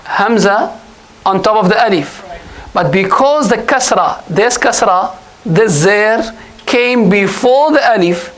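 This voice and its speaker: High-voiced man teaching an Arabic class. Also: expressive, takes it slowly, fairly bright tone, low-quality recording. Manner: patient, repeats points and quizzes the class. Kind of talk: classroom lesson. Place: mosque classroom.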